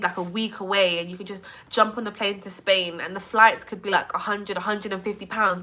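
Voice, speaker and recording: A young British woman talks straight to camera in a loose, chatty vlog, peppering every thought with "like". Her voice is bright and forward, and her pitch sits right in the middle. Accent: British English. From England. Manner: chatty, animated, many filler likes. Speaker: vlogger. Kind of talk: casual chat to camera.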